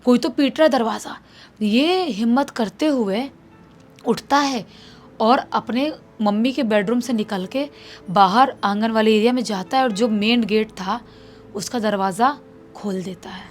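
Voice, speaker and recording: A woman casually narrating a spooky story, acting out the characters' lines with a raised, louder voice. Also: a little slow, soft background music. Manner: acts out quoted characters with raised pitch and loudness. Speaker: horror storyteller. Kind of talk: casual spoken horror narration.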